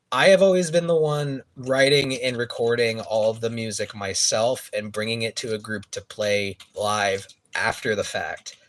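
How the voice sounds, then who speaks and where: A man's voice: medium pitch, fairly bright tone. A man streaming a game and chatting casually, rambling with lots of fillers and restarts, on a phone mic set some way off. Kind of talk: casual live-stream chat. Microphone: phone mic some distance away.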